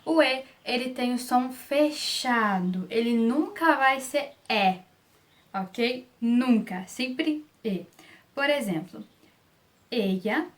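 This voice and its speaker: Woman, slow careful teacher, higher voice, repeats words patiently. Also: expressive. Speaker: Spanish teacher. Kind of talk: online language lesson.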